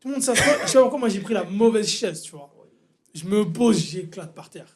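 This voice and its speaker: A man's voice: sits high, fairly quick, crowd noise. A young man with a Swiss French accent, co-hosting a podcast and telling a funny story in casual chat, laughing as he goes. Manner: animated storytelling, laughing through it. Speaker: podcast co-host.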